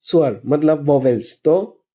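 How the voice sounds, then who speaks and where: A man's voice: fairly high pitch, warm tone. Patient man teaching English grammar. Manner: asks and answers his own questions while teaching; slow, patient explanations. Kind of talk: classroom lesson explaining grammar.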